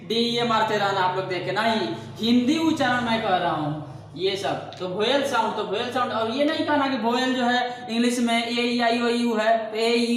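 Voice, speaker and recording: In an echoey classroom recorded from a distance with faint hiss, a man with a Hindi accent teaches English grammar, questioning the class and answering himself. His voice is extremely high and a bit bright.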